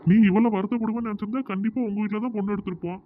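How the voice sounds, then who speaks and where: A man voicing a soft-hearted middle-aged village brother in a cartoon, pleading. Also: high-pitched, fairly even intonation, rapid-fire, natural voice. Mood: placating. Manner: pleading, placating. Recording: tinny phone-like audio with faint noise.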